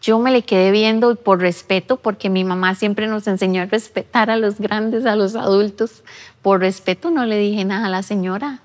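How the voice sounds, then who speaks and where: A woman in her thirties shares a personal testimony, speaking earnestly and acting out what she once said. Her voice sits at an ordinary pitch for a woman. The sound is recorded in a church with a long, lingering reverb. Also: steady tone, normal speed. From Costa Rica. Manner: earnest storytelling, re-enacting her own past words. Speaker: interviewee giving a testimony. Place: church interview set. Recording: long reverb of a large room.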